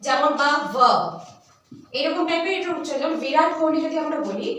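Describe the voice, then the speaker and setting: A woman teaching a basic language class, speaking slowly and patiently and spelling out each sound for her students. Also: high-pitched, fairly bright tone. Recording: echoey room, voice from far off.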